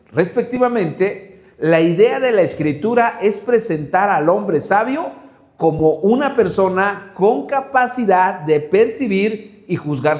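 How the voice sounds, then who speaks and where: Mexican guy preaching a bible study, high voice, keeps firing questions, roomy echo. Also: darkish tone. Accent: Mexican Spanish. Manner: piles up rhetorical questions.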